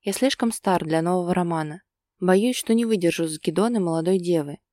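A woman voicing a calm, teasing man who soothes his partner in a gentle, soothing way. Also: fairly low pitch, fairly quick, dry recording, clean studio sound, natural voice.

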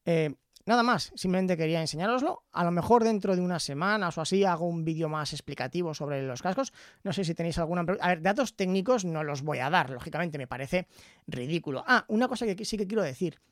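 A man from Zaragoza, Spain, chatting casually into a studio microphone as he reviews his headphones, often tagging his phrases with a quick question. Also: fairly high pitch, animated, dry recording. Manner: chatty, tags phrases with "¿vale?". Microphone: studio microphone in front of him.

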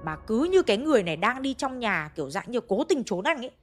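A woman's voice: on the high side, very animated, fast, faint music behind. A woman with a Hanoi accent narrating a ghost story in a conversational way, speaking to her listeners. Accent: Hanoi Vietnamese.

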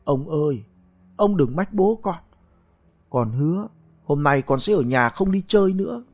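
A man's voice: fairly high pitch, animated, a little fast, a bit bright, pitched above the performer's own voice. A man voicing a young boy who pleads with his grandfather in a small voice, with faint music behind. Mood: pleading.

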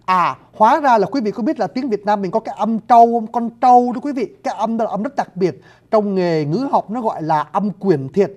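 This male language teacher's voice is high, animated, fairly quick, and a little mellow. In a video lesson on writing systems and sounds, he addresses viewers politely and demonstrates pronunciations.

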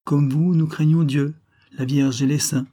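A man's voice: fairly high pitch, fairly even intonation, measured pace, dark tone, pitched above the performer's own voice. A man reading aloud and voicing a proud, earnest nineteen-year-old island woman in a classic adventure novel.

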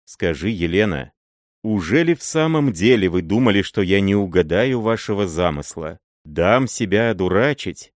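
Мужчина читает за сурового старого боярина. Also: male voice, low-pitched, lively intonation, no room sound, studio quality. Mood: холодный гнев. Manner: bitter, cold, measured reproach. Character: stern old boyar, jealous betrayed husband.

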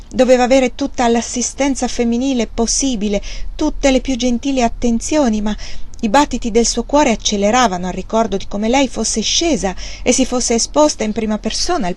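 A woman narrating an audiobook in a calm, measured reading. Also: a little high. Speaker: audiobook reader. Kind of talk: scripted narration.

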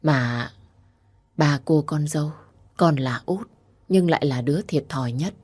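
A woman's voice: deep voice, a little slow, a little mellow, breathy edge. A woman voicing a frail, kindly old father-in-law in a storybook reading. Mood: gentle.

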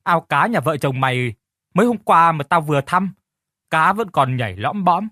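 A man voicing a gruff, fatherly older village man who talks bluntly and bossily. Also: mid-range voice, lively intonation, moderate pace, a bit bright, dry recording, studio quality. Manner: blunt, bossy, scolding. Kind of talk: audiobook character reading.

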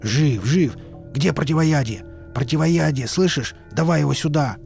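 A man voicing a rash young male stalker who shouts urgently. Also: a little high, normal speed, creaky, faint music behind. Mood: frantic.

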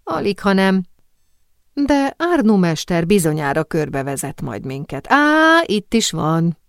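A woman reading the part of a worldly, self-assured male perfume master who acts as a guardian, in an audiobook, speaking calmly with gentle teasing. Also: mid-range voice, no room sound, studio quality.

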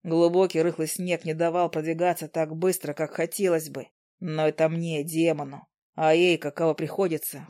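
A woman voicing a young male demon who narrates in a low, quiet, reflective voice. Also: no echo, studio quality, close to an everyday voice. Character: brooding male demon, protective young man. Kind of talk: first-person audiobook narration.

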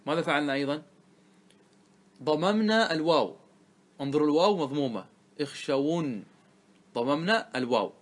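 A man, a religious scholar, teaching a grammar lesson to a class, often quizzing his students and repeating the key points. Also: a little high.

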